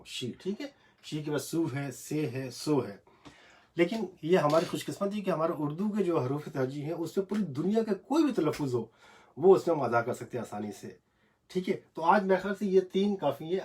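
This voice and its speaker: A man teaching Japanese script in a casual, halting home video lesson, recorded on a phone in a small cramped room. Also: on the high side, a little mellow, husky. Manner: hesitant, many fillers, repeats syllables slowly.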